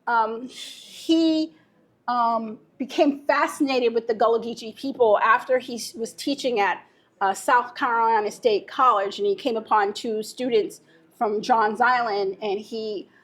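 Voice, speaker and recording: A woman with a moderately high-pitched voice leads an informal tour. She explains in a halting manner, often stopping partway through a phrase before carrying on. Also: a bit bright. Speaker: museum guide.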